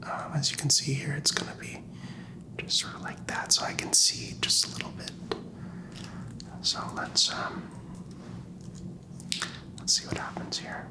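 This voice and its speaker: In a small doctor's office, a man plays a doctor during an ASMR medical exam. He whispers softly and breathily, sounding gentle, halting and reassuring.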